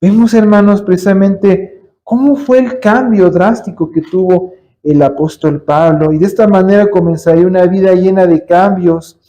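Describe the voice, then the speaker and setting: Un predicador con acento mexicano da un sermón en una iglesia, haciendo preguntas retóricas y llamando "hermanos" a los oyentes. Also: male voice, high voice, steady tone, moderate pace, warm tone, lo-fi sound. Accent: Mexican Spanish. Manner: addresses listeners as brothers, rhetorical questions. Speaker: preacher. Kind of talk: sermon. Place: church.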